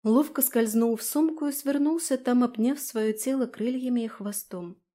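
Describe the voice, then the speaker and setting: A woman narrating a first-person fantasy audiobook in an expressive, storytelling manner. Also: fairly high pitch, moderate pace.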